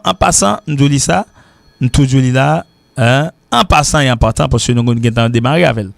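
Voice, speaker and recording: A man with a Haitian accent teaching an informal English lesson, who repeats words slowly to drill their pronunciation. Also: medium pitch, no room sound. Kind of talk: informal lesson mixing French and Creole.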